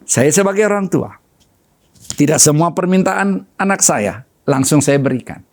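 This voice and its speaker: A middle-aged man preaches a sermon in a fairly high voice. His pitch leaps and falls widely as he talks. He preaches with an animated, swinging delivery. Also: moderate pace. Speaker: pastor.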